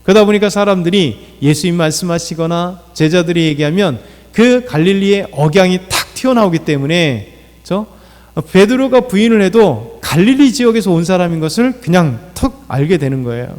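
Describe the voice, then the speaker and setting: Male pastor, slightly high voice, loose preaching with fillers, reverberant sanctuary. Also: animated, normal speed, a little mellow. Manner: unscripted preaching with fillers, acts out quoted lines. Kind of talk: dawn prayer sermon. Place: church sanctuary. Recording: church hall reverb.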